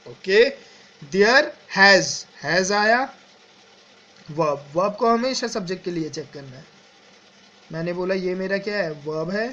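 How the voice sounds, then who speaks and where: High-voiced Indian grammar teacher, slow. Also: male voice, sharp tone, highs cut off. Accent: Indian English. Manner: explains step by step, keeps checking with "clear?". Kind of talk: exam-prep grammar lesson.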